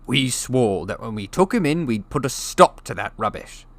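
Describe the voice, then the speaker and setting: A man acts out an angry middle-aged storybook uncle. He is gruff, stubborn and dismissive, putting forceful, indignant weight on his words. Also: mid-range voice, big pitch swings, moderate pace, dry recording, voice pushed up. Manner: indignant, emphatic. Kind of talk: storybook character voice in an audiobook reading.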